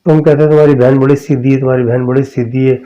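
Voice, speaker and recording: A man's voice: mid-range voice, little pitch movement, dull audio, lightly acted. A man voicing a resentful sister-in-law in a spoken horror story, in a complaining, insistent manner.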